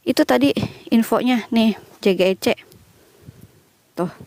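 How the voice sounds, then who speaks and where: A woman's voice: fairly high pitch, measured pace, a little mellow, no echo. A young Indonesian woman chatting casually as she walks outdoors and answers viewers' questions. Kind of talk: casual chat while walking. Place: outdoors walking through a quiet village.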